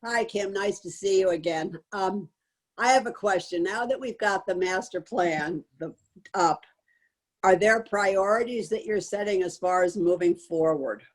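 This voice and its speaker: A woman moderating an online forum who puts a question politely and in a measured way, over a video call. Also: mid-range voice.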